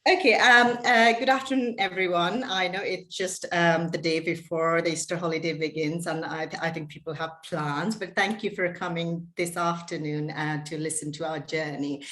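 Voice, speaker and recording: A woman from Nepal in her forties gives a seminar over a video call. Her voice sits low, and she talks in a chatty way, full of fillers and restarts. The sound is roomy and echoey. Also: fairly even intonation, normal speed, few pauses. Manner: chatty, warm storytelling with many fillers and restarts. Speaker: senior lecturer giving a seminar talk. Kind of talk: online seminar presentation.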